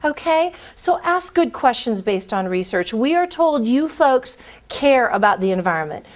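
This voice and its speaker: A woman's voice: on the high side, very animated, normal speed. A woman recruiter giving career advice in a conversational, emphatic way, speaking directly to her listeners. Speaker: corporate recruiter.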